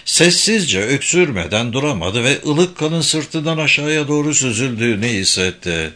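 Male audiobook narrator, bright timbre, measured suspenseful read. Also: mid-range voice.

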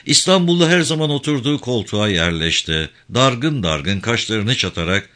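A man reading a literary story aloud in a measured, expressive storytelling manner. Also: mid-range voice. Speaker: narrator.

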